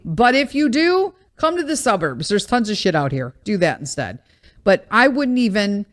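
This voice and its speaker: A woman talks through a casual podcast monologue. She is blunt and chatty, rambling from point to point with exasperated asides, in a voice of middling pitch. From Chicago, USA. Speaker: podcast host.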